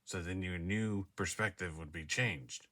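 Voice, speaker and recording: Sitting low but pushed and bright, a vlogger's voice moves a little slowly as he talks to his device camera in a room, picked up by its built-in mic. He rambles hesitantly with many fillers and restarts, laughing at himself often.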